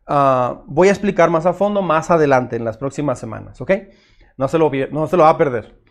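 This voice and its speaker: A man's voice: a little high, a little fast. A middle-aged man, preaching a sermon as pastor in an earnest, direct way. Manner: earnest, direct, addresses listeners as usted, acts out their objections.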